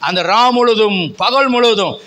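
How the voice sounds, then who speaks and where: A man's voice: high voice, moderate pace, pushed and bright. A middle-aged male pastor preaching a fervent sermon in a church, with repeated calls and rising emphasis. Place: church sanctuary.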